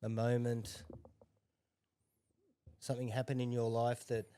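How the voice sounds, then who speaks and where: A man's voice: medium pitch, monotone, unhurried, mellow, clear, resonant tone. A man hosting a podcast in a casual, joking and teasing way. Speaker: podcast host. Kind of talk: casual chat.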